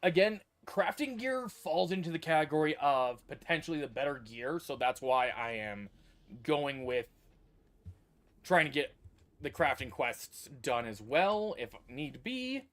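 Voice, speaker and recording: A man's voice: on the high side, lively intonation, measured pace, a bit bright. A man streaming a video game, talking casually and thinking aloud with meandering restarts. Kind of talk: casual livestream commentary.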